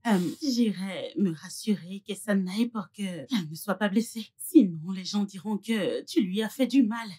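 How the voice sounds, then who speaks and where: A woman's voice: moderate pace, few pauses, warm tone, husky, dry recording, clean studio sound, natural voice. A woman dubbing in French as a jealous, scheming young woman who mocks and betrays her best friend. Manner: mocking, shrill when screaming. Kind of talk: French film dub.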